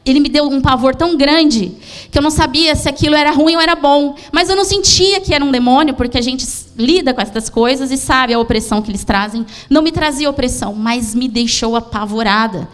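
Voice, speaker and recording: A woman pastor with a Brazilian accent, her voice smooth and a little high. She tells a personal testimony from the pulpit in halting, heartfelt bursts, often breaking off and starting again. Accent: Brazilian Portuguese. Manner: emotional, halting storytelling with many restarts. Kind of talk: sermon testimony. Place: church.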